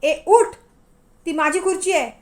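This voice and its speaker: Storybook part: woman reading as an irritable young heir, snappy and sarcastic, high voice. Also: lively intonation, normal speed. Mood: angry shouting. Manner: short-tempered, sarcastic. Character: irritable young man, boss's son.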